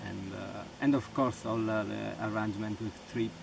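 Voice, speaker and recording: Young Italian-speaking man from Sicily, halting and gravelly, recorded from a distance with music over him. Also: on the low side, fairly even intonation, noisy background. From Sicily, Italy. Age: young adult. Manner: halting, many restarts and fillers. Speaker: volunteer. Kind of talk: interview answers. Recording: distant mic with loud music.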